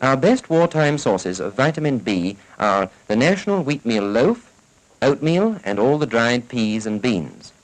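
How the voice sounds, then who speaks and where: A British-accented man narrates a public information film a little slowly, his mid-range voice making big pitch swings. He gives formal, scripted instruction in the style of a 1940s educational film, on a rough-sounding vintage soundtrack.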